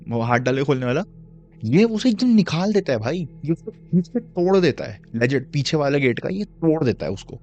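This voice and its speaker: A young man narrates a spooky personal story, casual and chatty, dropping English slang and asides to the listener. His voice sits at a middling pitch, and the recording sounds dull and lo-fi. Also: a little mellow. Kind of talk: casual spoken horror story.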